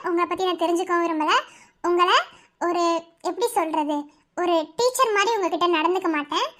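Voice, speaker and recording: A woman's voice: very high-pitched, a bit bright. A woman voicing a Tamil cartoon story, talking in a sweet, coaxing, motherly way to children. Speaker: voice of cartoon characters.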